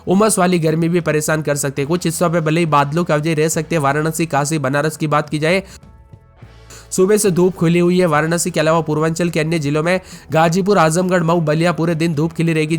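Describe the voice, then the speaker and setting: A man presenting a rapid-fire weather news update, reeling off items in list-like runs and addressing listeners as friends. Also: a little high, fairly even intonation, soft background music. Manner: reels off long runs of items in a list-like, repetitive delivery.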